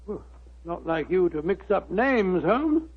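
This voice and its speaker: An actor in a 1940s radio drama playing a bluff, bumbling older gentleman doctor with an English accent, blustering and stammering. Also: high-pitched, big pitch swings, a little slow, slightly rough, heavily acted. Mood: puzzled, blustering. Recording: dull, noisy old radio recording.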